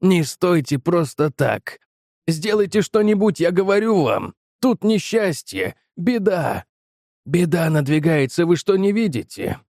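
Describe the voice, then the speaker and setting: A frantic middle-aged shopkeeper pleads and shouts for help, read by a man in an audiobook. The voice sits a little high and sounds dry and close. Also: big pitch swings, measured pace, no room sound.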